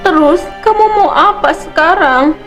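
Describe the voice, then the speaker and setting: A woman voicing a frightened young woman in an animated drama, speaking timidly and hesitantly. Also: very high voice, unhurried, soft background music.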